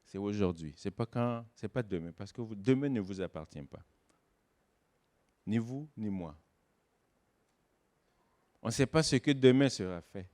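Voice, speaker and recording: Preaching man, loud then hushed. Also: expressive. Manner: swings between loud emphatic stresses and hushed low asides; slows down to stress key words. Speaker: guest pastor. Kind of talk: sermon.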